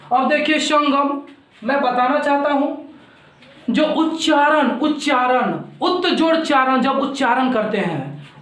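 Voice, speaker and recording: A man's voice: very high voice, fairly bright tone. A male teacher explaining a grammar lesson, repeating each point and asking and answering his own questions. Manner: repetitive, explanatory, asks questions and answers them himself. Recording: roomy echo.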